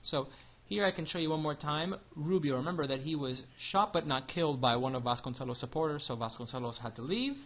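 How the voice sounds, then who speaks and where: A man's voice: fairly high pitch, normal speed, fairly bright tone, a little hiss or hum, poor audio. A man teaching a history lesson in a casual, chatty way, often saying "you know" and "um".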